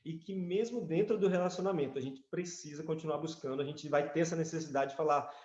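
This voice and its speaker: A Brazilian man co-hosting a couples mentoring session, calm and agreeable as he reads examples aloud. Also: fairly high pitch, fast talker. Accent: Brazilian Portuguese. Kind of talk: reading and commenting in a couples workshop. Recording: echoey room, dull lo-fi sound.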